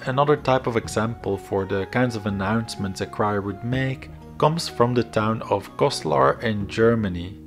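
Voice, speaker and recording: A man giving a scripted educational history narration in a measured, explanatory manner. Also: lowish voice. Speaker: video narrator. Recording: background music under voice. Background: instrumental music.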